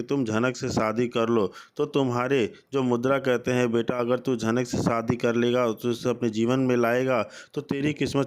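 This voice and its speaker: A man narrating a recap of a TV serial for viewers, calling them friends and reading out the characters' lines. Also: medium pitch.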